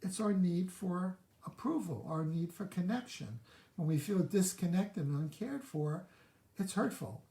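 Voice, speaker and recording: A man's voice: sits high, animated, a little slow, vocal fry, mellow, echoey room. A man hosting a live self-help show, talking through his own reactions in a candid, reflective way. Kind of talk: live-streamed teaching talk.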